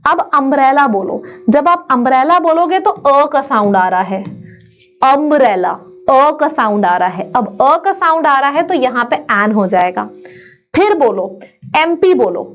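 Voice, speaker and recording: A woman with a high voice teaches an online grammar lesson. She asks her students questions and answers them herself in a brisk classroom drill. The recording sounds slightly dull and lo-fi. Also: animated.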